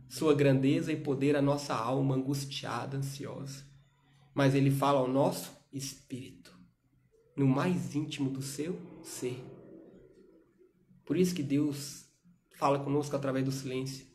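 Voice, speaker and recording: A man preaching to young people in a livestream sermon, urging with loud rhetorical questions and dropping to soft asides. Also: mid-range voice, steady tone, a little slow.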